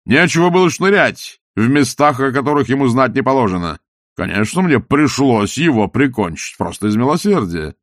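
A man's voice: fairly low pitch, no room sound, studio quality, lightly acted. Man putting on a sneering opera villain. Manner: sneering, theatrical, taunting. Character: scheming, mocking male opera villain.

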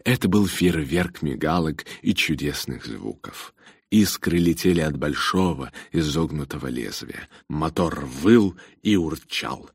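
A man narrating an audiobook in an expressive storytelling manner. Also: deep voice, creaky, breathy edge, no echo, studio quality.

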